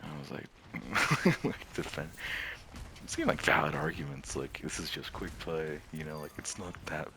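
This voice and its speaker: A man talking to camera in a casual rambling monologue about games, with lots of fillers, frequent laughter and soft, near-whispered asides. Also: a bass voice, normal speed, slight background noise. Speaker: streamer and gamer.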